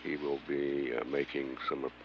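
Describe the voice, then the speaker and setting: A muffled, humming feed carries a man with an extremely deep voice. He gives mission control commentary haltingly, pausing often between phrases. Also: flat delivery. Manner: halting, frequent long hesitations. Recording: dull mission audio feed, hum and noise.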